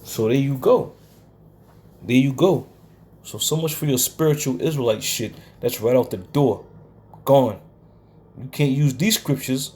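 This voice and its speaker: A Bible teacher delivers a home Bible study lecture in a medium-pitched, darkish voice, speaking a little slowly with long pauses. His teaching of scripture is combative and scolding, peppered with coarse language and repeated "okay?" check-ins.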